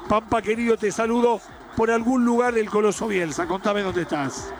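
An Argentine man hosting a live radio sports show, briskly cueing reporters and ads. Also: high-pitched, steady tone, soft background music.

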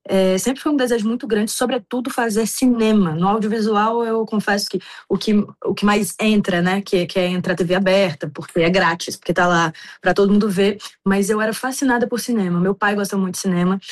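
An actress from Bahia, Brazil, answering interview questions in a reflective way, with frequent restarts. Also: female voice, mid-range voice, steady tone, brisk, few pauses.

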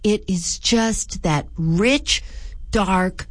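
A woman's voice: medium pitch, extremely slow, no echo. A woman hosting a radio food show, interviewing guests with enthusiastic, savoring descriptions.

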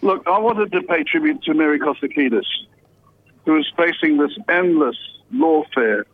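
A man calling in to a radio show over a muffled, underwater-sounding hands-free phone line, talking in halting bursts full of fillers. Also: fairly high pitch. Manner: halting, many fillers and restarts. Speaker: caller to a talk radio show. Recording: tinny muffled phone line with faint background noise.

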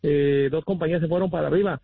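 Mexican caller, husky on a phone line. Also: male voice, on the high side, fast talker, no room sound. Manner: opinionated, preachy, addresses "muchachos". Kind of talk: phone-in rant.

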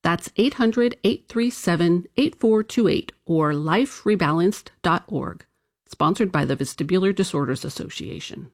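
A woman reading a scripted public service announcement in a clear, measured way. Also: lowish voice, lively intonation.

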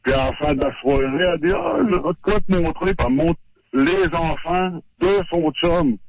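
A man's voice: fairly high pitch, lively intonation, highs cut off. Man with a disguised, voice-changed voice. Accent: Québécois. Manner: hesitant, halting with fillers. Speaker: caller. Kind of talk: casual confession on a radio call-in.

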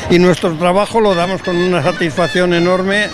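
A man's voice: high voice, steady tone, moderate pace. A man, a volunteer answering in a plain, friendly way in an outdoor street interview. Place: outdoors at a city square event.

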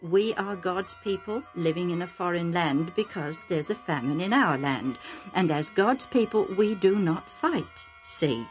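A woman voicing a calm, firm old male chieftain in a children's story, speaking slowly with measured authority. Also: fairly low pitch, faint music behind, low-quality recording. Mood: stern, calm.

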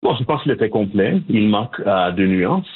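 A Haitian community organizer from Montreal, Canada, answers interview questions as a guest over a phone line. His voice is low and husky, very animated yet measured and hesitant, with frequent restarts.

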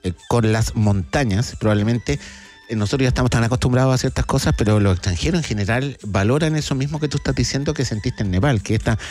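A man's voice: medium pitch, quick pace, darkish tone, soft background music. A Chilean man hosting a radio interview, thinking aloud with hesitant fillers. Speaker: radio host.

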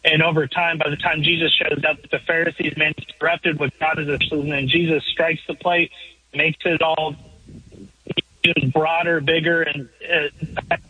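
A man's voice: fairly high pitch, little pitch movement, moderate pace, pushed and bright, breathy edge, dry recording. A man from Northern California calling in to a radio show with a theology question, earnest and laying out his point step by step, his phone line breaking up and cutting out. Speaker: caller. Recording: dull lo-fi phone call.

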